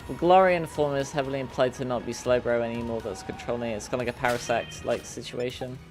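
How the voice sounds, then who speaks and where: A man casually chatting while playing a game, sleepy and halting, often trailing off mid-sentence. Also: mid-range voice, fairly even intonation, over music. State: drowsy, yawning. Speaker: streamer. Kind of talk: casual gameplay chat.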